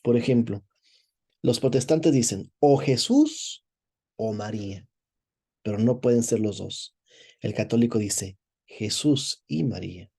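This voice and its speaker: Male priest, mid-pitched warm voice, rambling teaching tone. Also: measured pace, creaky, breathy edge. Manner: digressive, repeats words while searching for phrasing; explanatory, asks "verdad?" to check with listeners. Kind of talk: lecture, reading and commenting on a text.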